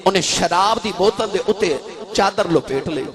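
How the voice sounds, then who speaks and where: A man's voice: high-pitched, expressive. A man preaching a sermon, telling a story with passion and calling out to the young men listening. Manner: impassioned, addresses the young men of the audience directly. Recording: live crowd audible. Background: audience crowd sounds.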